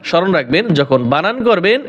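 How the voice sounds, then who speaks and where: A man teaching Quran reading, alternating quick explanations with slow, drawn-out chanted recitation. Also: high voice, lively intonation, highs cut off.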